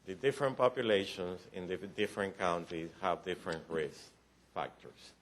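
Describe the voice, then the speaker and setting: In a county commission meeting room, a man with a Cuban accent gives a formal briefing to commissioners on recidivism data. His low voice keeps a moderate pace as he explains patiently, often restarting and joking lightly.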